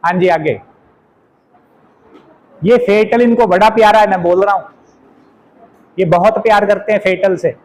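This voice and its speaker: A man teaching an exam vocabulary lesson, chatty and teasing, reading definitions out slowly. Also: sits high, steady tone, rough recording. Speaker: English teacher.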